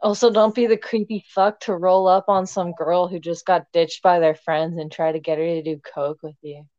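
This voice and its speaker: A woman's voice: on the low side, level tone, normal speed, darkish tone. Blunt woman guest, muffled sound. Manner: blunt, chiming in with short agreements. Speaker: podcast guest. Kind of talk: casual podcast chat.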